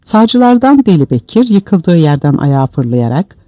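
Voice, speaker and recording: A man's voice: fairly high pitch, very animated, unhurried, dark tone, no echo. A man narrating an audiobook in a dramatic storytelling manner, on a dull, dry lo-fi recording.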